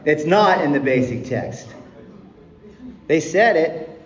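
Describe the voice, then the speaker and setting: A middle-aged man from California, guest speaker at a recovery convention, gives a profane, fiery, blunt talk to the crowd, hammering home lines by repeating them. He speaks slowly in a fairly high voice with lively intonation. The recording sounds distant and lo-fi, with hall echo, dullness and faint hiss.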